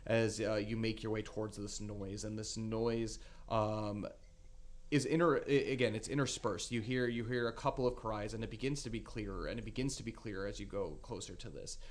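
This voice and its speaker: Man, game master, halting narration, many fillers, low voice. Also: fairly even intonation.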